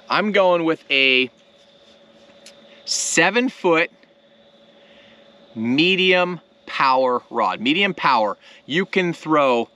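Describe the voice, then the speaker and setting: Guy in his 30s explaining fishing gear from a boat outside, bright forceful voice, keeps going "right?" "okay?". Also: a little high. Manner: energetic, plain-spoken, lots of "right?" and "okay?". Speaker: fishing channel host. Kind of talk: casual instructional talk to camera. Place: outdoors on a boat on a lake at sunset. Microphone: camera in front at close range.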